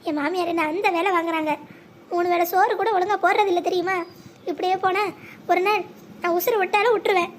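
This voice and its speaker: A voice actor playing a scheming grown daughter who argues and then pleads melodramatically, in a sped-up, pitch-raised cartoon voice. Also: steady tone, quick pace, long pauses, slight background noise. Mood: pleading.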